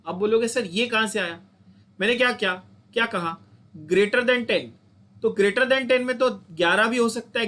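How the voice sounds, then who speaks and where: A young man with an Indian accent teaches chemistry in a high-pitched voice, checking often that his students follow. He repeats the key points and asks the class to say them back. A faint hum of room noise sits under the voice. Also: bright, forceful tone. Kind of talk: online lecture.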